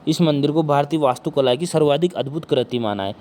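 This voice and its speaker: This history teacher's brisk, higher-pitched voice is quiet and strained by a sore throat as he preps students for exams. Throughout, he asks himself questions and supplies the answers.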